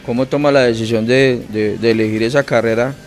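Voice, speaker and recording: A man's voice: medium pitch, fairly even intonation, a little fast, soft background music. A man hosting a podcast, greeting viewers and asking his guest questions in a friendly, casual way. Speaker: podcast host. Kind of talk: casual interview.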